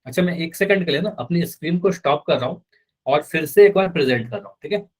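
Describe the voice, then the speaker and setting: Patient man teaching math, higher voice. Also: fast talker, low-quality recording. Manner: patient, repeats key points and voices students' answers. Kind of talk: live online math class.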